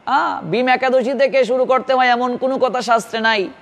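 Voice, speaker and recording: A man with a Bengali accent preaches an earnest devotional sermon in a very high voice. He instructs his listeners directly. A long reverb trails each phrase, as in a large hall. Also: fairly quick.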